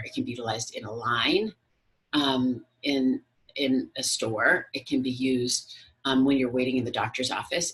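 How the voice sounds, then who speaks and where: A man speaking conversationally as a meditation facilitator, explaining and giving gentle wellness instruction. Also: medium pitch, rough recording. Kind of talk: guided meditation and wellness talk.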